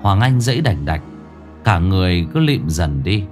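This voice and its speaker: A man narrating a ghost story in a dramatic, expressive way. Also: low voice, moderate pace, faint music behind.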